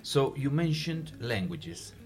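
Slowly and in a sing-song, mid-range voice, a host interviews a student for an audience, offering encouragement, rewording questions and filling in missing words for her. There is slight background noise.

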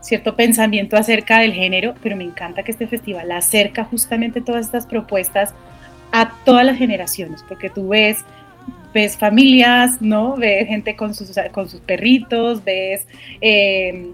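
A woman's voice: medium pitch, fairly even intonation, normal speed. Woman from Colombia, jazz singer, reflective interview answers, faint music underneath. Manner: thoughtful, searching for words, many restarts.

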